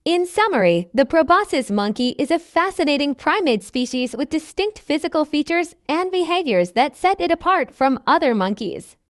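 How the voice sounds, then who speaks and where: Female nature documentary narrator, high voice, lively intonation, measured instructional read. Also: no echo, studio quality.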